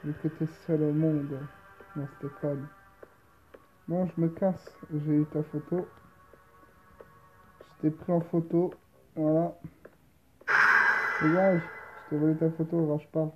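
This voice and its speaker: A woman's voice: low voice, level tone, a little slow, pauses often, phone-quality sound, soft background music. A woman giving casual, slangy gameplay commentary as a gamer host, grumbling at the game. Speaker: gamer host presenting horror games.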